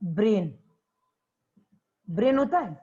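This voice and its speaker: A woman's voice: mid-range voice, animated, slow pace, dark tone. Woman biology teacher with a dull lo-fi sound. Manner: repeats key terms and quizzes students. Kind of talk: classroom lecture. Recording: dull lo-fi classroom recording.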